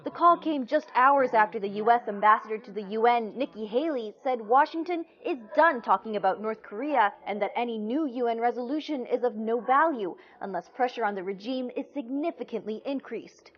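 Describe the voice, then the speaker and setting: A female news anchor reading scripted news in a crisp, even manner. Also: a little high, a little fast, few pauses, dull audio.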